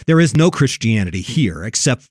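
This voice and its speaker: A man hosts a religious discussion in a clean, echo-free studio, his medium-pitched, slightly mellow voice very animated at a moderate pace. His commentary is opinionated and preacherly, stressing key words emphatically.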